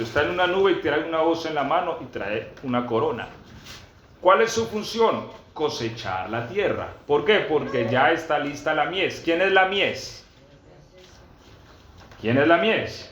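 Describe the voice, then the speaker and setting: A man preaching a sermon to his congregation, reading scripture slowly and often asking them questions. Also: fairly bright tone, a little hiss or hum. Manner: peppers teaching with questions to the congregation; reads scripture aloud slowly and emphatically. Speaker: pastor. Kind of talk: sermon teaching. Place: church gathering with a congregation. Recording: roomy, dull low-fi sound.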